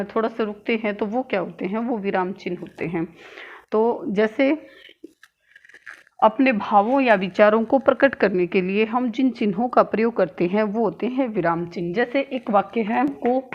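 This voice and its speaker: A woman teacher giving a grammar lesson, speaking slowly and repeating key words with frequent filler sounds. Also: mid-range voice. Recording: dull lo-fi sound with faint noise.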